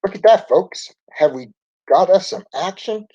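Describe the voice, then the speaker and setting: Brief: a man playing a boy hamming it up as a newscaster, raised pitch, dull recording. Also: animated, measured pace, dark tone. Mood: showy. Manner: showy newscaster delivery. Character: schoolboy mimicking a news reporter.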